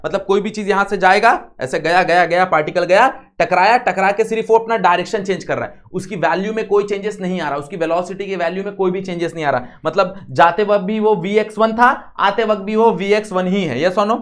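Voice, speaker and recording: A young man with an Indian accent giving a physics lesson, going slowly step by step and often asking the class yes or no. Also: high-pitched. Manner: repeats steps, quizzes students often. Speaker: physics teacher. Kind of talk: classroom lecture.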